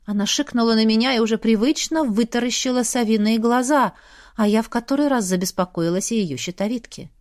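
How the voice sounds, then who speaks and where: A woman narrating a first-person audiobook in a steady storytelling manner. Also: on the high side, brisk, dry recording, studio quality.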